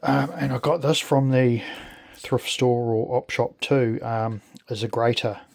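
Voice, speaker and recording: Slow-talking New man. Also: medium pitch, fairly even intonation, vocal fry, darkish tone. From New Zealand. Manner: halting, friendly, unhurried. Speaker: video creator. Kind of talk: casual how-to demonstration.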